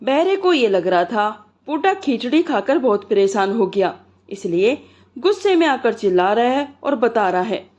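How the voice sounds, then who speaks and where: A woman storyteller narrating a comic folk tale in a lively, expressive way, in a dull lo-fi recording. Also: a little high, normal speed.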